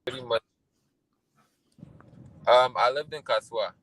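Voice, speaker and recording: A young man from Liberia, raised in Ghana, answering interview questions about his music in a soft, hesitant way with many fillers. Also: mid-range voice, slow, rough recording. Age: young adult. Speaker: musician guest. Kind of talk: interview answers over a call.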